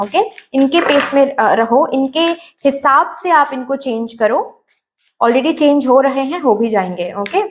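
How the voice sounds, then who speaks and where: A woman's voice: sits high, slight background noise. A woman giving a tarot reading, speaking straight to the viewer, mixing English words into her Hindi and repeating phrases. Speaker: tarot reader.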